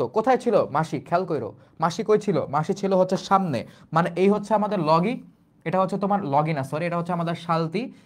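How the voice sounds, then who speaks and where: A young man with a Bangladeshi Bengali accent teaching a class, restating each line in plain everyday words and asking the students rhetorical questions. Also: on the high side. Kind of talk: explanatory class lecture.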